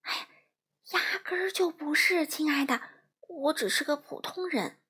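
A woman voicing a timid, bald little old man wizard who trembles and pleads in a hushed voice. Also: high voice, moderate pace, voice pushed up.

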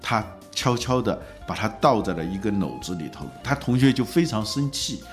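A man with a fairly low voice tells stories in a conversation, his pitch rising and falling a lot. Faint music plays behind him. He slows down when he recites classical lines. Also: animated. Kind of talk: conversational storytelling.

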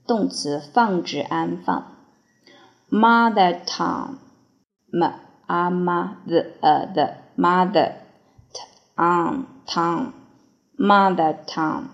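A woman's voice: on the low side, vocal fry, highs cut off. A woman teaching English vocabulary, spelling each word letter by letter and then giving its meanings. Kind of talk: slow word-by-word spelling drill.

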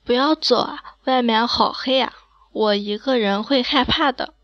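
A woman's voice: on the high side, measured pace, no room sound, muffled recording, close to an everyday voice. A woman voicing a timid schoolgirl boarder who frightens easily and talks in an anxious, pleading way.

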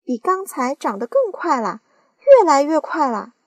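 A woman voicing a shrill, bossy, greedy aunt who shrieks and scolds in a storybook reading. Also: very animated, a little slow, no room sound, clean studio sound. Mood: shrieking.

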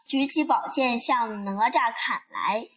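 A woman reading a children's story aloud in a halting way, with fillers and restarts. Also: fairly high pitch, expressive, fairly bright tone, husky, low-quality recording.

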